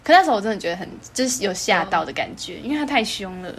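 A young woman in her twenties with a Taiwanese Mandarin accent, co-hosting a podcast and telling a story in casual chat, animated and laughing often. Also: mid-range voice, rapid-fire, a crowd in the background. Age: 20s. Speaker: podcast co-host.

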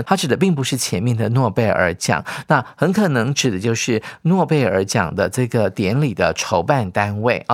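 A male English teacher explaining a reading passage, reading English lines slowly and then explaining them in chatty Mandarin, with soft "ah" and "oh" at phrase ends. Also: mid-range voice, dry recording, studio quality. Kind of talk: radio-style English reading lesson.

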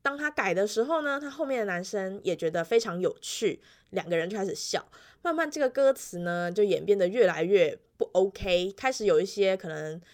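A woman's voice: mid-range voice, a little fast. Chatty young Taiwanese-accented woman. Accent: Taiwanese Mandarin. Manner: chatty, animated storytelling with frequent laughs and fillers. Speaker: elementary school music teacher. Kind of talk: casual weekly vlog storytelling.

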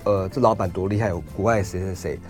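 A man with a Taiwanese Mandarin accent, a guest explaining investing in a radio interview, talking rapidly with many fillers. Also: sits low, fairly even intonation, a little mellow, faint music behind.

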